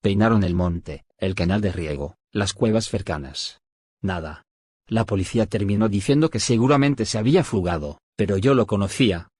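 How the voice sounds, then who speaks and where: Man, deep voice, husky, dry close sound, scripted horror narration, steady and slow on key beats. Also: no room sound.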